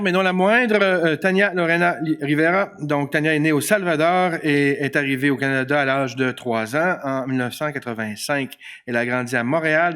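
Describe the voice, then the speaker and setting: A man's voice: a little high, a bit bright. A man, hosting an event and reading panelist introductions with occasional fillers. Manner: reads bios steadily with fillers.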